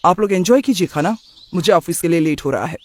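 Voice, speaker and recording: A man's voice: high voice, lively intonation, quick pace, darkish tone. A man voicing a careless young office-going son who talks in a casual, dismissive way in a cartoon story. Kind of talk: cartoon voice acting.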